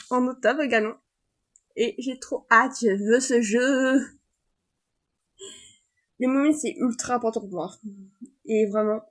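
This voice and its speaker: A woman vlogger with a fairly high voice chats casually while running through entertainment news announcements. Her excitable fan chatter keeps trailing off and starting up again.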